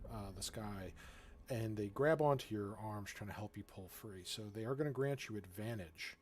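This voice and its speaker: A man runs a tabletop game as its narrator. He speaks very slowly in a fairly low voice, improvising with halting pauses. Soft music plays behind him. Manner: halting, pausing mid-sentence. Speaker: game master.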